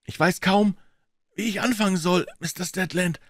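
A man reading aloud and voicing a hoarse, nervous, middle-aged bank clerk who speaks hesitantly. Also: high-pitched, expressive, brisk, dry recording, voice pushed up. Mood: anxious. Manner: anxious, hesitant.

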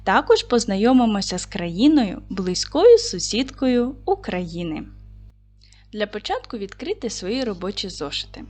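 A woman teaching a recorded video lesson to fourth graders, speaking clearly and deliberately and reciting short rhymes. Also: mid-range voice, sing-song, darkish tone, soft background music. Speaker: primary school teacher.

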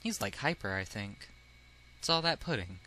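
A man's voice: on the low side, very animated, moderate pace, pushed and bright, a little hiss or hum. A man casually commenting as he plays through a dating game, chatty and giggly. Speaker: let's play host.

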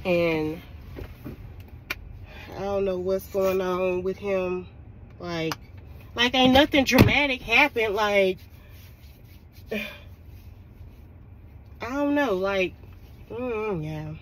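A woman's voice: mid-range voice, very slow, pauses often. A young woman vlogging from her car as a mother, chatting casually with lots of "like" fillers. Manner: rambling, full of "like" fillers, venting. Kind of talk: casual chat to camera. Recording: noisy street background.

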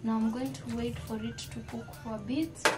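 A woman's voice: on the high side, fairly even intonation, normal speed. A young woman with a Kenyan English accent chatting casually through a cooking vlog in her home kitchen, dropping Swahili words in between. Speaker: cooking vlogger. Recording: loud background music.

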